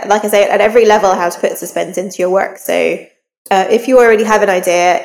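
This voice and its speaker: With a medium-pitched, darkish voice, a woman guest on a podcast, herself a crime author, gives loose, off-the-cuff answers as she thinks things through. The sound carries a hall-like reverberation.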